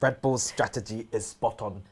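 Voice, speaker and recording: A man putting on a flat, slow robot voice to read comments aloud. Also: fairly low pitch, heavy background noise, voice pushed down, close to an everyday voice. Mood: deadpan. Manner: slow halting deadpan. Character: flat monotone male robot.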